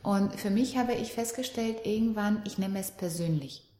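A middle-aged woman speaks in a calm, reflective way, growing lively whenever she acts out her daughter's words. Her voice is mid-pitched. The room gives it a roomy echo. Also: normal speed. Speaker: guest, parenting and relationship coach. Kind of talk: conversational interview.

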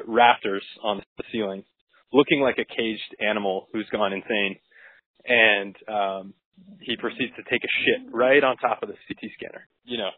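Husky-voiced physician telling a story. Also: male voice, on the low side, no room sound. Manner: relaxed anecdotal telling with wry crude asides. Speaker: physician recounting a case. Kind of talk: casual storytelling on a podcast. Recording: tinny dry phone-like recording.

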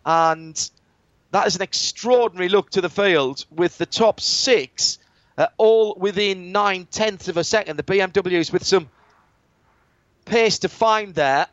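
A man's voice: sits high, measured pace, no echo. A man giving fluent, descriptive live motorsport commentary as a play-by-play radio commentator. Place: live trackside at a street circuit. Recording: dull band-limited broadcast, loud trackside car noise.

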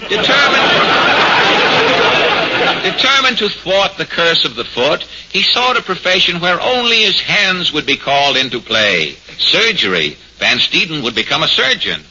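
Lively mock-solemn man narrating old radio comedy. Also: fairly high pitch, unhurried, breathy edge, a faint crowd. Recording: muffled, hissy 1940s radio recording.

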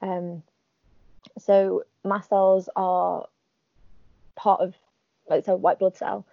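A woman from Northern England, speaking with a Northern English accent, chats casually as a podcast guest in an interview, wry and quick to laugh at herself. Her mid-range voice has vocal fry and a flat delivery at a very slow pace, recorded lo-fi with no echo.

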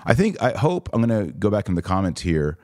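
An American podcast host in his forties chats casually and speaks directly to listeners while answering their comments. His lowish, darkish voice is very animated and fairly quick, with clean studio sound and no echo.

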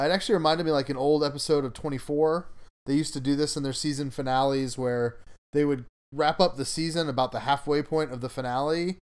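A man hosting a casual podcast chat, talking in a relaxed, rambling way. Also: fairly high pitch, smooth. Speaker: podcast host.

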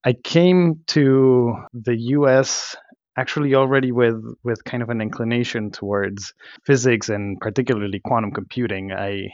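A man's voice: mid-range voice, fairly even intonation, moderate pace, a little mellow, no echo, lo-fi sound. A man in his thirties from Mexico, a company CEO giving thoughtful interview answers with frequent restarts.

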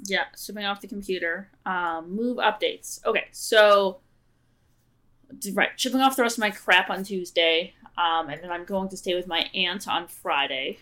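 A woman's voice: medium pitch, normal speed, fairly bright tone. A young woman co-hosting a casual podcast chat, chatty and loose with light swearing. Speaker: podcast co-host.

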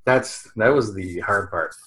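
Man in his forties, Canadian-born interviewer, friendly, halting, repeats words. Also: fairly low pitch, a bit bright. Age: 40s. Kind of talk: conversational interview.

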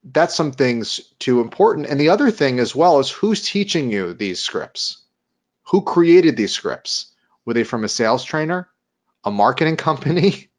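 A man's voice: mid-range voice, big pitch swings, moderate pace. A man co-hosting a casual talk show, chatting loosely and acting out quoted lines as he tells stories. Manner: chatty, retells scenes with acted-out quotes. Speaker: podcast co-host. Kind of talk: casual conversation.

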